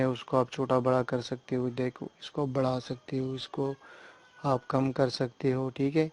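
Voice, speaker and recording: Man calmly walking through a software tutorial. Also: mid-range voice. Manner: step-by-step explaining, often checks in with the listener; hesitant fillers and restarts while working on screen. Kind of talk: screen-recorded software tutorial.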